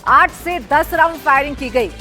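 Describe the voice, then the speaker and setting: A woman's voice: high-pitched, normal speed, pushed and bright, soft background music. A woman anchoring a television news bulletin, reading a crime report with urgent, dramatic delivery.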